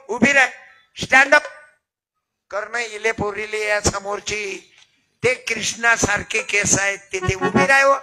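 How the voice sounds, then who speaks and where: An older man, preaching a folk kirtan and teasing his audience. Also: very high-pitched. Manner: chatty, teasing, calls on audience members. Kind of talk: devotional folk sermon with audience. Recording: loud accordion music behind.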